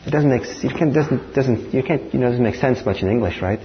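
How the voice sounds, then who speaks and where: A man from Norway giving a dharma talk as a meditation teacher, speaking in a reflective, measured way. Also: medium pitch. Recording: dull lo-fi talk recording with faint hiss.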